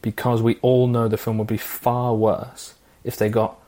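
A man co-hosting a film podcast, speaking in a measured, reasonable way. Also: medium pitch, level tone, mellow. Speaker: podcast co-host. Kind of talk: casual chat.

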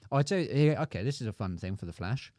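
A man's voice: medium pitch, animated, racing, mellow, no echo. A man co-hosting a podcast in a studio, chatting casually and telling long stories with many restarts. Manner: rambling storyteller with many restarts. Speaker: podcast co-host. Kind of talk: casual chat.

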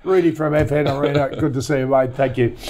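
A man hosting a finance chat show and recapping stock picks in a relaxed, steady way. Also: mid-range voice, fast, noisy background. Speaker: show host.

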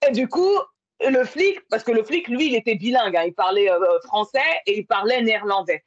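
Woman, husky, mid pitch, casual anecdote with fillers, dull dry recording. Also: brisk, dry recording. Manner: storytelling with many fillers. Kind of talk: casual conversation. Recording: muffled lo-fi sound.

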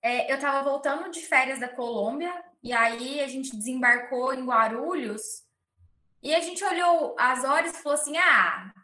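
Bright, high-voiced Brazilian woman telling a story. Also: moderate pace. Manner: animated, acts out the voices of people in her story. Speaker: podcast guest. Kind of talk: casual storytelling. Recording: roomy echo.

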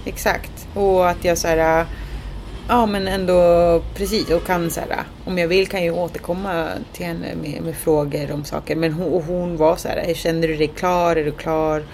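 Woman, low voice, casual chat, chatty with many fillers, faint background noise. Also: little pitch movement, darkish tone. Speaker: guest telling her experience.

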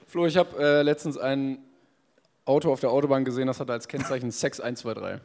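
A man co-hosting a live comedy podcast on stage, making dry, deadpan quips. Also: medium pitch, brisk.

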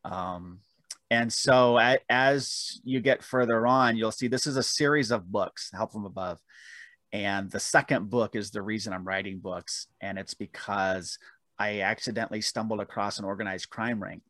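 A man's voice: fairly low pitch, moderate pace, fairly bright tone, no echo. A man guest telling rambling, self-deprecating stories about his book in a casual interview, with frequent restarts. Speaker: author guest.

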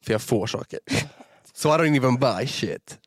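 A man in casual conversation, telling an animated story, swearing often and slipping in English phrases. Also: medium pitch, no echo. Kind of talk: casual chat.

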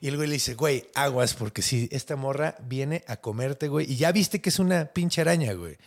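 A man with a Mexican accent telling a folk tale in casual, slang-filled chat, acting out the characters' lines. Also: brisk. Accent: Mexican Spanish. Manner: slangy, acts out characters' lines with big pitch swings. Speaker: storyteller host.

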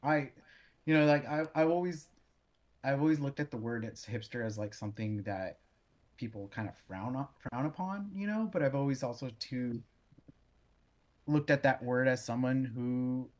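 A man being interviewed as a brewer, explaining casually in a halting way as he searches for words. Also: medium pitch, a little mellow.

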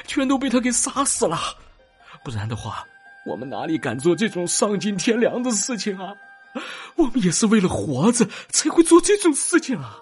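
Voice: mid-range voice, husky. An actor doing cowering male laborers begging for mercy. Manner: pleading, wailing and fawning.

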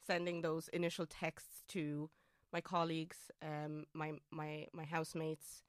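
Speaking a little slowly in a deep, monotone, feminine voice, a non-binary guest in their late twenties from Austria chats casually and thoughtfully in an interview. German is their first language and their accent is Austrian German, and they use many fillers and restarts. The sound is clean, echo-free, and studio quality.

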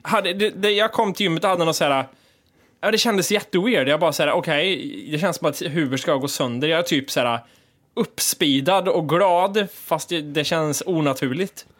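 A man's voice: a little high, fairly bright tone. A man in a casual podcast chat, telling a story in a meandering way with lots of fillers. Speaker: podcast co-host.

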